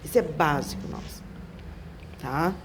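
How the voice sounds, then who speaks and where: A middle-aged woman with a southern Brazilian accent, a speech therapist speaking as an interview guest, emphatic and animated, acting out the phrases she quotes. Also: deep voice, unhurried, a little hiss or hum. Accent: southern Brazilian Portuguese.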